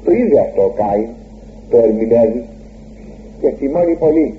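A man preaching a sermon, retelling a scripture story with lively, swooping emphasis and repeated exclamations. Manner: animated, swooping pitch on emphasis. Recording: tinny phone-like recording with faint hum.

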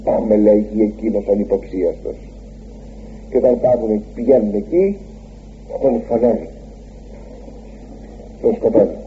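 A man preaching a sermon, retelling a scripture story with lively, swooping emphasis and repeated exclamations. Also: long pauses. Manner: animated, swooping pitch on emphasis. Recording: tinny phone-like recording with faint hum.

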